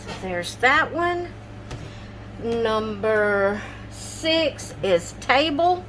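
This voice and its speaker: A woman's voice: on the high side, very animated, drawn-out words, fairly bright tone, a little hiss or hum, poor audio. A woman chatting casually to her camera at home about her coloring pages, drowsy and yawning, apologizing and trailing off mid-sentence. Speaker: vlogger showing coloring pages.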